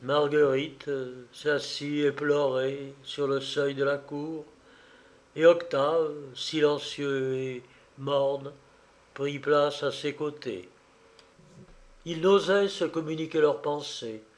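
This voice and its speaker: A man reads a novel aloud with measured, dramatic phrasing. He takes his time over every sentence, and his voice sits a touch higher than most men's. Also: steady tone. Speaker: audiobook narrator. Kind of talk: scripted narration of a novel.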